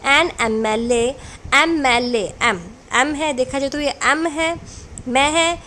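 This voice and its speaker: A woman's voice: sits high, slow pace, sharp tone, slight background noise. A woman teaching English grammar in a classroom lesson, explaining rules patiently and answering her own questions as she goes.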